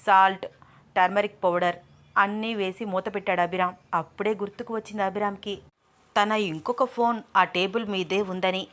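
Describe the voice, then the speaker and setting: A woman reads a romantic audio story aloud in a smooth, expressive narrating voice. Her pitch sits in an ordinary middle range, and her delivery stays steady and clear.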